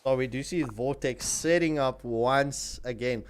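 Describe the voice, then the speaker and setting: A man giving live esports commentary in an animated, chatty way, repeating himself for emphasis. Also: medium pitch, unhurried. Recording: noisy stream mic with clicks.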